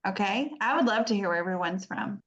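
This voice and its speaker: A woman's voice: mid-range voice, lively intonation, fast talker, a bit bright. An American woman in her fifties giving an informal online talk from home as a guest speaker, chatty and self-deprecating. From United States. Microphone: video call. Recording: dull lo-fi video call audio.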